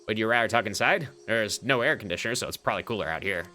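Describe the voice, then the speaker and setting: A man's voice: lowish voice, lively intonation, very fast, sharp tone, faint music behind, voice pushed down. A man voicing a somewhat nerdy male police detective in a game, with a friendly, chatty manner. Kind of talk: game voice-over by a streamer.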